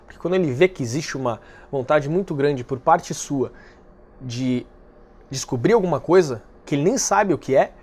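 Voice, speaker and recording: Man with a higher voice giving advice. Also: normal speed, husky. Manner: calm, explanatory, addresses viewer directly. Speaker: dating advice host. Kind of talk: direct-to-camera advice talk.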